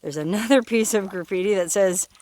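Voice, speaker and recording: A woman's voice: medium pitch, fairly quick, darkish tone. Jokey woman rambling on her travel vlog out in a canyon, chatty and easygoing. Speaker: travel vlogger. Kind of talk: casual vlog narration. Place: outdoors in a desert canyon.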